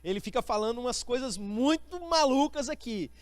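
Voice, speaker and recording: Male preacher voicing a torn, defensive governor, casual everyday voice, fairly high. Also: lively intonation, moderate pace, dry recording. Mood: uneasy. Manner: anxious, arguing with himself.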